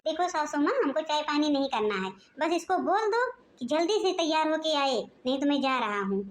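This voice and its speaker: A woman's voice: high-pitched, animated, normal speed. A woman voicing a short-tempered, suspicious young husband and son-in-law in a cartoon, talking in a curt, scolding way. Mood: angry.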